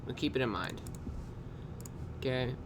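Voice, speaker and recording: A man casually reviewing his trading day, tired and yawning, talking in a loose, unhurried way with drawn-out pauses and the odd swear word. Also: medium pitch, noisy background. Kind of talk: casual screen-recorded trade review. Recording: clear keyboard typing in background.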